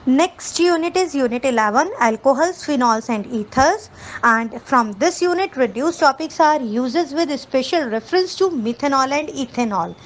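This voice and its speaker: A woman's voice: high-pitched, lively intonation, extremely slow, low-quality recording. A woman teacher with an Indian English accent, going through chemistry topics one by one, mixing Hindi and English and speaking directly to students. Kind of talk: syllabus walkthrough lesson.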